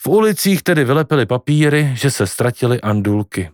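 A man narrating a novel in a measured, scripted audiobook style. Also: mid-range voice, sing-song, dry recording, clean studio sound.

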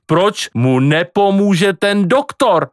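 A man reading an audiobook and voicing an agitated young man who shouts in disbelief at his family. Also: high-pitched, animated, dry recording, clean studio sound, pitched above the performer's own voice. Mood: outraged. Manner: shouting, incredulous outbursts.

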